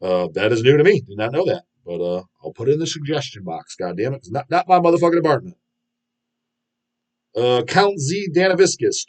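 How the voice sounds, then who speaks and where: A man's voice: medium pitch, a little mellow. A man answering viewer questions on a casual live stream, rambling and swearing often, with blunt, mocking opinions and lots of restarts. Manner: rambling and heavily profane, many restarts and fillers; blunt, mocking gym talk.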